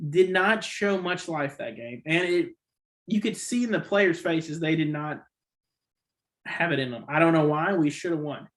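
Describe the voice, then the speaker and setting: A man's voice: a little high, normal speed, a bit bright. A man hosting a casual sports podcast, rambling and opinionated, correcting himself often, with the hiccups. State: has the hiccups. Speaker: podcast host.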